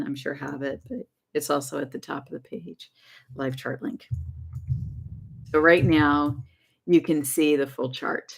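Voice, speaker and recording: Low-voiced woman hosting a rambling spiritual livestream. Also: gravelly. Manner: rambling, self-correcting, laughs often. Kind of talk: casual live-stream talk.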